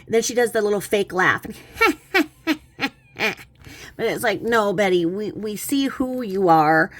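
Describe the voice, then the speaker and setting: A woman who lives in a small religious community offers casual, mocking reaction commentary as a vlogger. Her medium-pitched voice moves a little slowly, snarky and rambling, with chuckles throughout, and there's no room sound.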